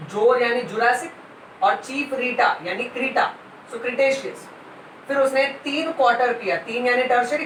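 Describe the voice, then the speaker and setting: A woman's voice: on the high side, fairly bright tone, a little hiss or hum. A woman teaching biology exam tricks, encouraging and repeating key words, often calling the listener "beta". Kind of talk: exam-prep lesson with memory tricks. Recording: roomy echo, mic at a distance, faint ambience.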